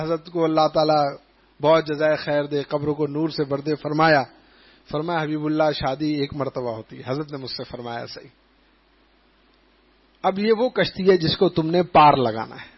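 A man with a notably high voice delivers an Islamic sermon, spinning lively anecdotes and slipping into the voices of the people in his stories. The recording is dull and lo-fi. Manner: animated storytelling, acting out quoted voices. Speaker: preacher.

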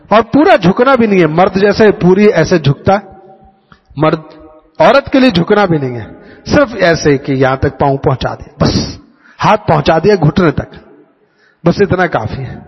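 Lively husky man teaching prayer. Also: high-pitched. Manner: demonstrative, addresses students directly; repeats key points in a drilled way. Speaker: religious teacher. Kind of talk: teaching a class how to pray. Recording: dull lo-fi sound with long hall reverb.

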